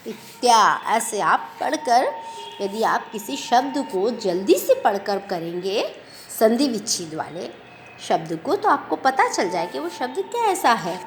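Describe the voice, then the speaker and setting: A woman teaching a grammar lesson at an unhurried pace, stretching out each example word so it can be heard clearly. Her pitch moves up and down a lot as she poses questions and answers them. A faint noise sits behind her voice. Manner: slow, drawn-out pronunciation of example words.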